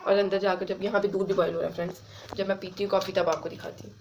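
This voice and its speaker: A woman's voice: mid-range voice, little pitch movement, racing, a little mellow, poor audio. A woman records a casual family vlog on her phone in her kitchen at home. She chats easily with her viewers, calls them friends, and coos at a small child. Background noise runs through the phone recording. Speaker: family vlogger. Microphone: phone camera.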